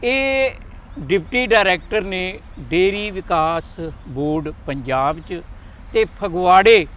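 A man's voice: high-pitched, lively intonation, takes it slowly, fairly bright tone, slight background noise. A man with a Punjabi accent hosting a farm talk show, leading the interview and often checking in with his guest. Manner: leading, frequent "hai na" check-ins. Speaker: host.

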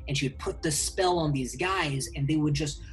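A man in his thirties from Indonesia, an animated filmmaker hosting a casual video-call interview from a small bedroom, talking with many fillers. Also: on the high side, normal speed, soft background music, rough recording. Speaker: filmmaker and host. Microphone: webcam video call.

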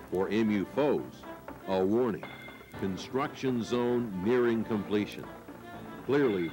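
Male American narrator, lowish pitch, scripted dramatic sports recap with music underneath. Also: rough recording.

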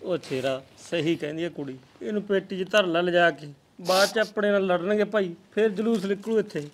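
Guy doing an older poor dad, soft consoling voice, a bit high. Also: moderate pace, slight background noise, natural voice. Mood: tender. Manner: gentle, consoling. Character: poor aging father, tender and worried. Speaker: father.

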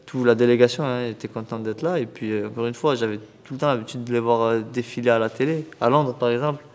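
Young man, halting excited talk, gym reverb. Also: mid-range voice. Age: young adult. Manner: halting, repeats words, excitable. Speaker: boxer and club coach. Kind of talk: casual interview. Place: boxing gym indoors.

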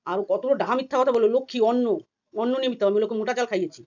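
A woman from India ranting fast and agitatedly in a personal vlog, often acting out other people's words. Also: on the high side, darkish tone, highs cut off. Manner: rapid and agitated, acting out quoted voices. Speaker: vlogger. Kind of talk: heated personal vlog rant.

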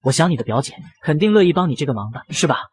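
An arrogant demon lord dotes on his wife in tender tones, read by a man. The voice is a bit high for a man and hurried. It sounds dry and close. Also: sing-song, husky, dry recording, full character voice. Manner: tender, indulgent.

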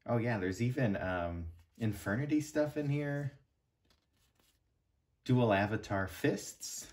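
A man's voice: medium pitch, slow pace, darkish tone. A young man giving casual, laid-back commentary as he hosts a card-opening video. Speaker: card-opening channel host.

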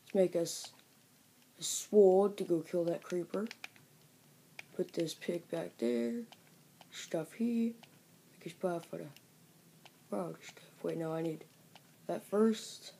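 A woman giving chatty, jokey commentary on her game and talking to viewers, with excitable outbursts as she plays at home. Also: fairly low pitch, slow pace, vocal fry, long pauses, slight background noise. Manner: excitable outbursts during play. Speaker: gaming video creator. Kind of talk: let's play game commentary.

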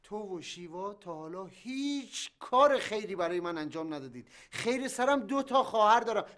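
Whiny young brother who grumbles and sulks, sitcom. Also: male voice, high-pitched, very animated, fairly bright tone. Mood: complaining. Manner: whiny, complaining. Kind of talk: TV sitcom acting.

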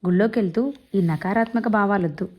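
A woman voicing a gentle, soothing husband. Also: medium pitch, brisk, lo-fi sound, lightly acted. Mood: coaxing. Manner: gently coaxing, reasonable. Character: mild, soothing middle-aged husband.

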